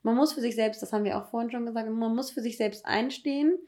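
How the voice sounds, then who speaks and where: A woman's voice: fairly high pitch, quick pace, dark tone. A young adult woman co-hosting a podcast, talking in a blunt, slangy, emphatic way. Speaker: podcast co-host. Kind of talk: casual chat.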